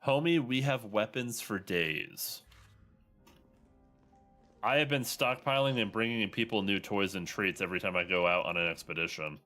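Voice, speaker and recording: Casting: male livestreamer, lowish voice, informal, chatty gameplay commentary, thinking aloud. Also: moderate pace, pushed and bright, soft background music. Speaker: video game streamer. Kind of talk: casual livestream gameplay commentary, talking to chat.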